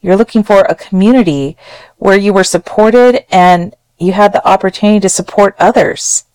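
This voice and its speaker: A woman's voice: medium pitch, normal speed, darkish tone, clean tone, no room sound, rough recording. A woman hosting a solo advice podcast, talking straight to one listener in an earnest, encouraging way. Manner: earnest, encouraging, direct address. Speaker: podcast host.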